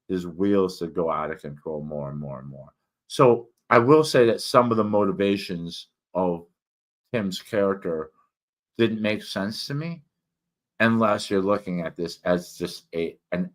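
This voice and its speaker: Deep-voiced man talking through a swollen mouth. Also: fairly bright tone. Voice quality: speech slightly thickened by a swollen mouth. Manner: halting, with repeated words and many self-corrections. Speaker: host, reviewer and writer. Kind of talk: casual, rambling spoken review and personal update.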